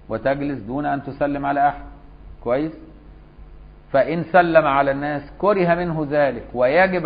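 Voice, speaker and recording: A man with an Egyptian accent teaching a religious law lesson. He reads a text aloud, then explains it in everyday speech, often checking with "got it?". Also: a little high. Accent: Egyptian Arabic. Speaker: Islamic scholar teaching a fiqh lesson. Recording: slightly dull lo-fi lesson recording.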